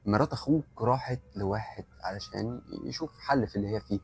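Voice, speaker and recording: A man's voice: on the low side, fast talker, a little mellow, soft background music, close to an everyday voice. A man voicing a grave old sheikh, Egyptian accent. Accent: Egyptian Arabic. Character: elderly male sheikh, calm and grave.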